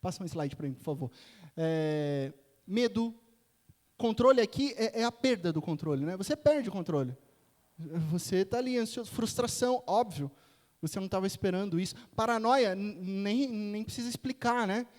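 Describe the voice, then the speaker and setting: A man's voice: high-pitched, lively intonation, normal speed, darkish tone. A Brazilian man preaching a sermon as pastor, telling a family story with chatty asides and frequent tag questions. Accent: Brazilian Portuguese. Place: church sanctuary. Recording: echoey church hall.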